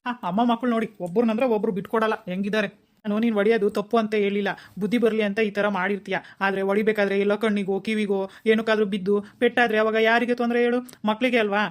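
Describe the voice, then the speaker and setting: A woman voicing a middle-aged cartoon father who calmly lectures his wife and daughters. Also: medium pitch, racing, natural voice. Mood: lecturing. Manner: lecturing, reasoning.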